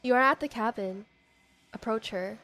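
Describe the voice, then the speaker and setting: High-voiced woman playing a game. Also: moderate pace, pushed and bright. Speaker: gaming streamer. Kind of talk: casual game commentary, reading text aloud.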